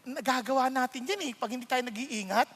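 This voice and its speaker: A man with a Filipino accent preaching a sermon, animated and full of rhetorical questions, switching between Tagalog and English. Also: very high voice, brisk. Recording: long reverb of a large hall.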